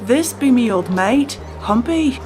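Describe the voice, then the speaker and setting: A woman's voice: a little high, expressive, takes it slowly, voice pushed up. Woman doing a roguish, swaggering pirate captain. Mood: blustering, feigned surprise. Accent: stage pirate. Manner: hearty, boastful, wheedling. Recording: music behind the voice.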